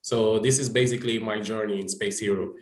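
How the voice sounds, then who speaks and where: A man's voice: on the low side, fairly even intonation, a little fast, a little mellow. A man from Angola answering interview questions, restarting his sentences often. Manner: stammering restarts. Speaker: guest, space sector volunteer. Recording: roomy echoey audio.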